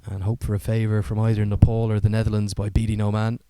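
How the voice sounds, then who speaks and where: Guy doing live cricket commentary, smooth polished broadcast voice, articulate, really dry close mic. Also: on the low side, completely flat delivery, fast, mellow, no room sound. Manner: fluent, articulate broadcast delivery. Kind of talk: live play-by-play sports commentary.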